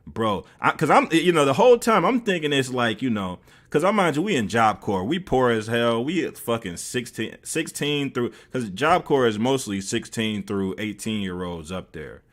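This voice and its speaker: A man's voice: mid-range voice, big pitch swings, moderate pace, hardly any pauses, a bit bright. An American man streaming, loosely retelling a story with many fillers. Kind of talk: casual storytelling.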